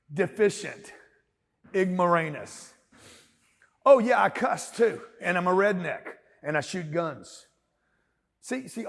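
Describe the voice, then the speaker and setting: Southern guy, 50s, high voice, loud rambly mentor talk, lots of hall echo. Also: creaky, husky. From Louisiana, USA. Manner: loud, emphatic, rambling and jokey. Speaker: business mentor. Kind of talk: live seminar talk. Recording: long hall reverb.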